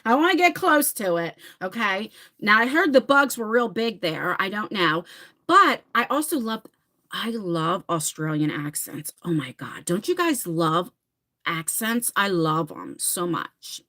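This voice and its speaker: On her live stream, a New Jersey woman in her forties reads out viewer comments and talks straight to viewers by name, chatty and quick to laugh. Her mid-range voice is sing-song, bright and forceful, moving at a measured pace.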